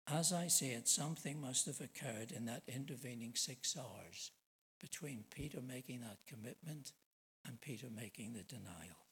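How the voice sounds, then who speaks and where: A man's voice: mid-range voice, normal speed, vocal fry, a bit bright, low-quality recording. A middle-aged man preaching a sermon, earnest and emphatic, asking his listeners rhetorical questions.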